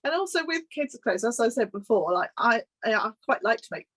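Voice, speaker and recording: A woman in her thirties, a guest on a video-call interview, speaking in a relaxed, hesitant way with frequent ums and small laughs. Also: fairly high pitch, a little fast, poor audio. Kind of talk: casual interview chat.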